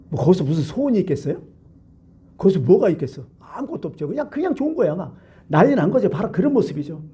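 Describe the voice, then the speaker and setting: Animated man preaching, husky and dark. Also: sits high, dull audio. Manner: colloquial, animated preaching with rhetorical questions. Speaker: pastor. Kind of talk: sermon. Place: church sanctuary.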